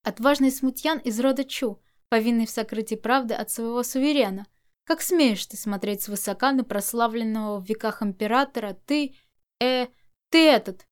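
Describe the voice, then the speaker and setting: A woman's voice: a little high, normal speed, pauses often, natural voice. A woman doing a scheming young disciple. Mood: mock-pompous. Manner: mock-grand and gloating. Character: scheming young male disciple, mischievous and vengeful.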